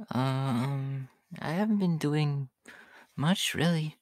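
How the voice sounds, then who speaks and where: Guy doing shy gentle catboy in asmr ASMR role-play, bashful n hesitant, talks slow, super dry close sound. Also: fairly high pitch, no room sound. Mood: shy, caring. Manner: hesitant, bashful, soft-spoken with nervous giggles. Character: shy, gentle young catboy living with partner.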